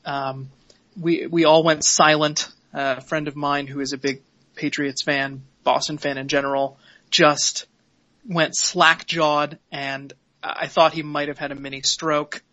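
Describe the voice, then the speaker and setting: A man hosting a casual sports podcast, recapping plays in quick, wry detail. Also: on the high side, little pitch movement, bright, forceful tone, no room sound, lo-fi sound. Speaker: podcast host.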